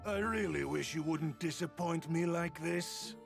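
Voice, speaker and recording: An actor playing a haughty, menacing god of destruction in a video game, scolding pompously in a gravelly male voice. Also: a little high, unhurried, faint music behind. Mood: scornful.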